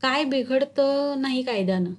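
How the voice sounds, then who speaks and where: A woman's voice: sits high, normal speed, close to an everyday voice. A woman reading a story, voicing a brash, scheming village man who talks bluntly in rustic dialect. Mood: blunt, pushy. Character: brash scheming rural male crony, loud.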